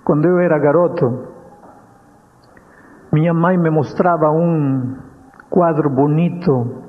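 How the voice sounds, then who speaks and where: A male preacher telling a story in a sermon, dramatic and drawing out key words slowly. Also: on the high side. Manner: dramatic, with slow deliberate stretches. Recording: dull radio sound with long hall reverb.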